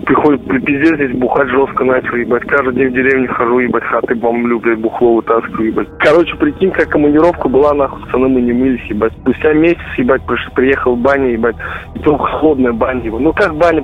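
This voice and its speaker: A young man from Russia talks like a soldier phoning home, casual and constantly cursing. His voice comes over a radio-like intercepted line, muffled and very narrow in band. He vents in a loose chat style at a middle pitch. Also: a little hiss or hum. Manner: constant heavy swearing. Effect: voice heard over a radio-like phone intercept. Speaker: soldier calling home from the front. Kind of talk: casual phone chat, venting.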